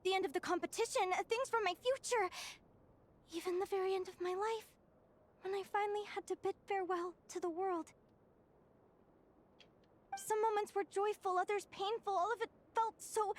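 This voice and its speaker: A woman voices a young fae girl in an English anime-style game, her extremely high pitch carrying earnest, vulnerable bravery. She sounds shaken and fearful, speaking with emotional, halting sincerity.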